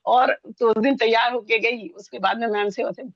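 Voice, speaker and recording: A woman in her sixties from India tells her own story in an excited, rambling way, talking fast and restarting her sentences often. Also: fairly high pitch, no echo, dull audio. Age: 60s. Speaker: interviewee sharing her story. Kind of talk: excited personal testimonial.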